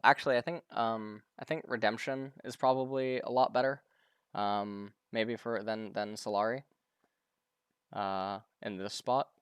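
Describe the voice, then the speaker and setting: A man with a fairly low, smooth and resonant voice, talking casually through a live match on stream. He stumbles and repeats himself as he reacts and answers viewer questions. The sound is close and dry. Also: dry recording. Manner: halting, repeats words, answers chat questions. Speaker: streamer commenting on a pro match.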